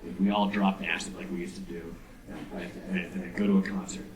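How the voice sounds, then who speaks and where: A young man doing a stand-up comedy set, telling a story in a deadpan way that jumps to excited outbursts. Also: sits low, normal speed, a crowd in the background, low-quality recording. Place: comedy club stage with live audience. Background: audience laughter.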